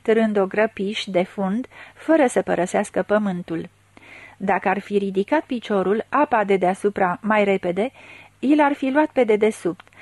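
A woman narrating a literary story aloud in a measured, dramatic reading style. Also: mid-range voice, darkish tone, no echo. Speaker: audiobook narrator.

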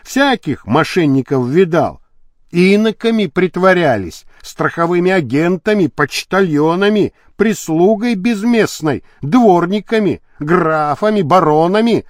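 A man doing a gruff, menacing detective. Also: high-pitched, animated, unhurried, no echo, studio quality. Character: stocky red-haired detective, grim and threatening.

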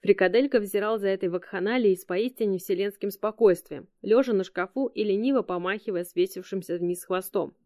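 Woman narrator with a dark voice. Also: mid-range voice, fairly quick, few pauses, no room sound, studio quality. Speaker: audiobook narrator. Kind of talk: scripted narration.

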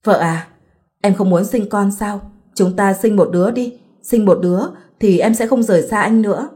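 A woman voicing a drunk, self-pitying husband who pleads with his wife, read in an even storytelling voice. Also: high-pitched, moderate pace, lightly acted. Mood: drunk pleading.

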